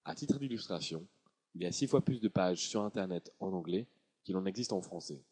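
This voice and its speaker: A man reading a scripted promotional voice-over about his own book, in a steady, measured delivery. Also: low voice, slightly rough. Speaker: author presenting his book.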